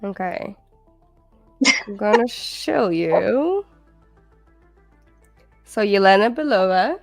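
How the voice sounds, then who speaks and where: A woman hosting a casual live stream chat on a video call, chatty and excitable. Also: medium pitch, slow pace, creaky, no echo, faint music behind. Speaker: stream host.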